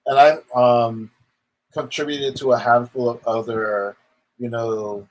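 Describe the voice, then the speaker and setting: A man's voice: medium pitch, flat delivery, slow pace, poor audio. Man on a rambling, casual rant. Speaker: online commentator.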